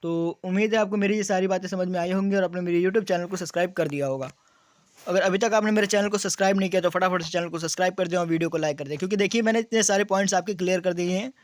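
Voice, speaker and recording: A man's voice: sits high, rapid-fire, no echo. A young man explaining exam details to students, repeating key points as questions and answers, with frequent fillers. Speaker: exam coaching YouTuber.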